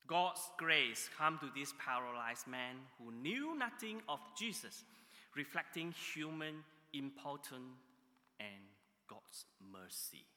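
A man preaching a sermon, emphatic, pushing his pitch and volume up on key phrases. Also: sing-song, slow, pushed and bright, in a large hall.

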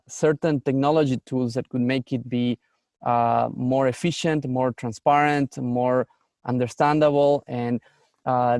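A man's voice: medium pitch, darkish tone, dry recording, studio quality. A man from Argentina, a startup founder answering interview questions earnestly, with frequent fillers and restarts.

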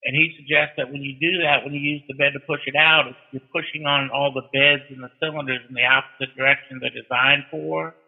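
A man's voice: medium pitch, little pitch movement, fairly quick, gravelly, hardly any pauses, husky. A man explaining technical matters casually in a folksy storytelling way, like an experienced instructor. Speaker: towing instructor and guest. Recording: thin, narrow-band phone-like line.

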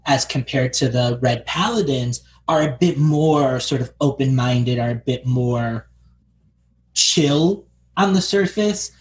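A man co-hosting a casual podcast chat about a TV show, thoughtful and rambling with fillers. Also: medium pitch. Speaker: podcast co-host. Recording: echoey room with faint noise.

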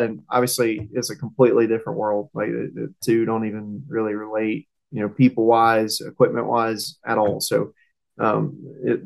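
Recounting his racing career as an interview guest, a young man from the southern US speaks informally, with rambling and hesitation. The recording is rough, and his fairly low voice has a creaky quality.

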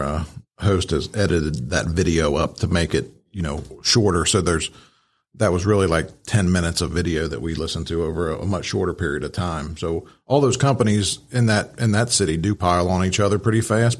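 A man in a casual technical discussion, explaining conversationally as an instructor and rephrasing as he goes. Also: low-pitched. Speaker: fire command instructor, show regular.

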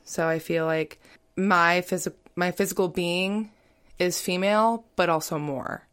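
Young woman on a podcast, kinda low and smooth, lots of like and you know. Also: steady tone, measured pace, fairly bright tone. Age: young adult. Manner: chatty, heavy on "like" and "you know". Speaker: guest, college student. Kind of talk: casual interview talk.

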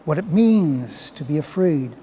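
A man, a priest, reading scripture and preaching in a measured, solemn way in an echoing cathedral-like church. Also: a little high, lively intonation, mellow, slightly rough. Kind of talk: gospel reading and homily. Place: large reverberant church. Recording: long cathedral echo.

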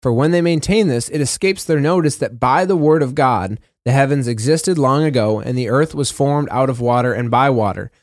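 A man co-hosting a casual Bible discussion, reading scripture passages aloud and talking them over in a relaxed way with small fillers and self-corrections. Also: mid-range voice, normal speed, hardly any pauses, no echo, clean studio sound.

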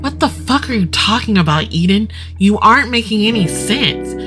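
A woman's voice: mid-range voice, big pitch swings, slow pace. A woman voicing an angry, demanding man who growls and curses, with guitar music behind. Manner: growling, cursing.

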